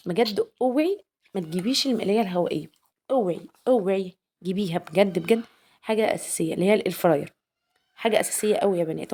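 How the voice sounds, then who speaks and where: A woman's voice: medium pitch, warm tone. A young woman with an Egyptian accent, chatting casually in a home vlog, talking straight to her viewers as girls and asking their opinion. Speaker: homemaker vlogger.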